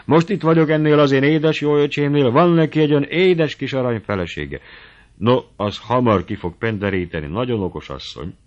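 A man's voice: mid-range voice, lively intonation, muffled recording, voice pushed up, lightly acted. A man voicing a gushing, gossipy old woman, talking sweetly and effusively, in a storybook reading. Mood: chatty. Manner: sugary, effusive.

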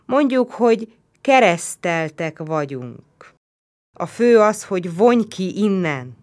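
A woman's voice: fairly low pitch, very animated, darkish tone, pitched above the performer's own voice. A woman doing a blind wounded Roman soldier. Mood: pleading. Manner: pleading, weary.

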